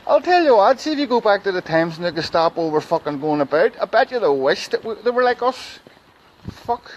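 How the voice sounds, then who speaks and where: A man's voice: high-pitched, low-quality recording. A man in his thirties ranting profanely and heatedly to his followers in a rambling livestream outdoors. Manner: profane, heated and rambling, with repeated asides and restarts. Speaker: page admin addressing followers. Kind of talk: angry livestream rant. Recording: loud outdoor background noise.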